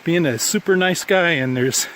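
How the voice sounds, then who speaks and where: A man's voice: fairly high pitch, moderate pace, fairly bright tone, a little hiss or hum. Tired man rambling on a trail. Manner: rambling, self-correcting, plain-spoken. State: tired after a long hike. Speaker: hiker filming a trail vlog. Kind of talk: casual spoken trail diary. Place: outdoors on a mountain trail.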